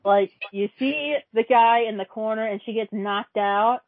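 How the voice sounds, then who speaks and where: A woman's voice: on the high side, steady tone, measured pace, no room sound. A woman in casual chat, rambling with many fillers and frequent laughs. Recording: dry, phone-like audio.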